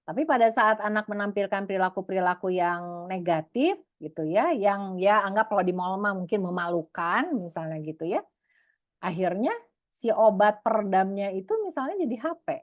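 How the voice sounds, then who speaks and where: Woman, webinar talk, mid pitch, dry sound. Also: normal speed, no room sound. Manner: lively, acts out parents and children in high voices. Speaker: psychologist speaker.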